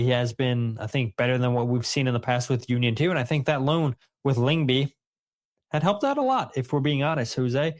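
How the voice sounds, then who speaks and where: A man from the co-hosting a casual sports podcast, rambling and correcting himself as he reads out listener comments. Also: medium pitch. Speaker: podcast co-host.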